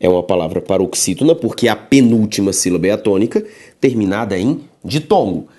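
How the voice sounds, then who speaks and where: A man's voice: lowish voice, lively intonation, a little fast, warm tone. A man teaching a recorded grammar lecture, emphatic, keeps checking in with the listener and spells words out syllable by syllable.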